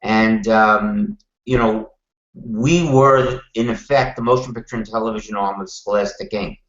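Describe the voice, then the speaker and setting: Deep-voiced older man with a Brooklyn accent. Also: steady tone, a little slow, a bit bright. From Brooklyn, New York, USA. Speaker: guest, television producer. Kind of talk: conversational interview answers. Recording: roomy, slightly muffled call audio.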